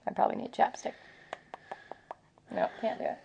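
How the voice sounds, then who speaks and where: A young woman co-hosting a travel podcast, chatting casually, giggly and animated, swearing freely. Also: moderate pace, dull audio, a little hiss or hum. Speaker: podcast co-host.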